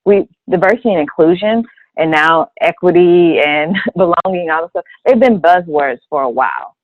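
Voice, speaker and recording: A woman giving her views as a panel guest in a deliberate, articulate way. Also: fairly low pitch, animated, no echo. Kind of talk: conversational panel discussion, measured opinion. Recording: narrow, phone-like radio sound, dry.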